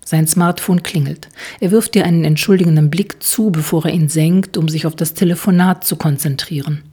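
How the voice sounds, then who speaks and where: A woman narrating an audiobook in calm, measured scripted narration, with a breathy, husky voice. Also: low-pitched.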